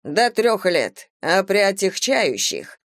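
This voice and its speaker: A stern, deliberate police captain, voiced by a woman reader. He drawls his words slowly and dryly, unbothered. The recording is dry and close-miked. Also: medium pitch, sing-song, no room sound. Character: stern middle-aged male police captain. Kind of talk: audiobook character voice.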